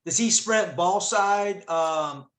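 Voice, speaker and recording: Polite host in an echoey room. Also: male voice, high-pitched, takes it slowly, a bit bright. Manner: polite, brief acknowledgments, says "yes, sir". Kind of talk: interviewing a guest.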